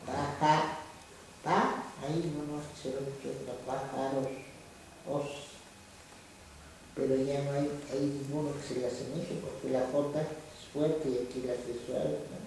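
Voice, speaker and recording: A man's voice: medium pitch, fairly even intonation, unhurried, darkish tone, far from the mic, a little hiss or hum. A man, a student in a poetry class, asking questions and reading words aloud. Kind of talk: classroom discussion. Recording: echoey room, recorded from afar.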